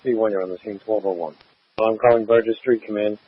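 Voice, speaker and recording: A man's voice: fairly low pitch, steady tone, quick pace, slightly rough. A man working as a fire alarm dispatcher, giving clipped, procedural read-backs and assignments over a radio channel. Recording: tinny, phone-like radio channel.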